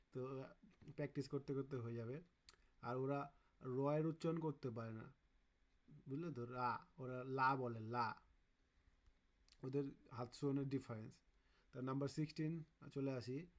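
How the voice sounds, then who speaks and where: A man leads a casual exam-prep lesson, talking students through kanji questions. He pauses to sound out Japanese words slowly, as if thinking aloud. His voice sits at an ordinary middle pitch. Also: a little mellow. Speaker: Japanese language teacher.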